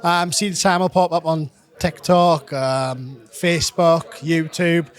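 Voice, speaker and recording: A man with a South Welsh accent and a voice pitched a little high. He gives an informal testimonial, answering interview questions in short, clipped phrases. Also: little pitch movement, slow. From South Wales. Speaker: academy student giving a testimonial.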